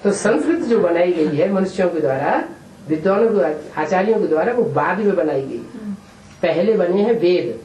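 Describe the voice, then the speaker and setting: A man's voice: sits high, animated, normal speed, warm tone. A man giving a question-and-answer spiritual discourse, explaining with examples and asking the listeners rhetorical questions. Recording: roomy room from a distant mic, faint noise.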